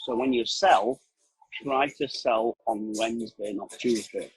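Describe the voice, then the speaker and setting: A man's voice: medium pitch, unhurried, rough recording. Man explaining emphatically on a call. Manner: poses questions then answers them, emphatic. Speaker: call-in guest, print production operator. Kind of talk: casual explanatory chat. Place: outdoors at a pub. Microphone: video call.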